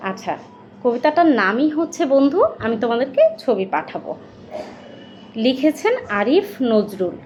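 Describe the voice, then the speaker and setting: A woman's voice: fairly high pitch, animated, moderate pace, a little mellow. A woman teaching a children's recitation and pronunciation class, patient and coaxing, often stopping to check that the children follow. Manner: patient, coaxing, asks many check questions. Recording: roomy, dull, faint hiss.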